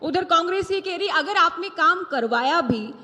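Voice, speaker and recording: A woman's voice: very high voice, expressive, moderate pace, pushed and bright. A young woman, a TV news interviewer at a live event, asking probing and persistent questions. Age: young adult. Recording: long reverb, live stage event.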